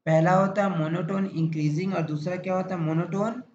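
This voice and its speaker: A man with an Indian accent lectures a maths class, his voice sitting fairly high. He repeats points and fires questions at the students, then answers them himself. The sound is roomy and echoey, a little muffled, with faint background noise. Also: fairly even intonation, darkish tone. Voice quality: repetitive, drawn-out explanatory delivery. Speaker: maths teacher.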